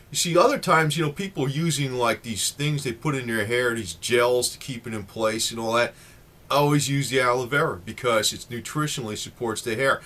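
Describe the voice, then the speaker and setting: A man's voice: mid-range voice, sharp tone. A man in his late fifties giving a casual, rambling talk to the camera with lots of fillers. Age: 50s. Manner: rambling, chatty, many fillers. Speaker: vlogger.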